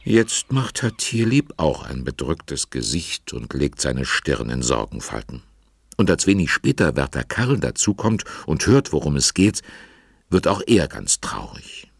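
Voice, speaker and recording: A man with an extremely deep, gravelly voice narrates a children's audio drama in a gentle storytelling way. His tone is husky, and it sounds close and dry, with no room around it. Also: sing-song, measured pace, no room sound.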